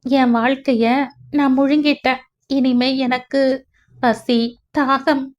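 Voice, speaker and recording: A woman's voice: a little high, little pitch movement, unhurried, a little mellow, natural voice. A grieving young mother speaks in a weak, broken way, as a woman storyteller voices her. She sounds lost and despairing. The recording is dull and lo-fi.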